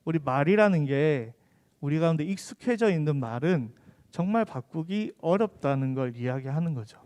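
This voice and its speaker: Lively high-voiced preacher with mixed dialect. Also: male voice, normal speed. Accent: mixed Gyeongsang and Seoul Korean. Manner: chatty, jokes with and questions the teen audience. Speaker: youth group preacher. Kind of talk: sermon with humorous storytelling.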